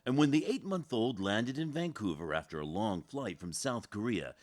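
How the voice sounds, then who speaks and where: A man narrating a light feature story for TV news in an animated storytelling way. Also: fairly low pitch, moderate pace. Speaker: TV news reporter. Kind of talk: scripted narration.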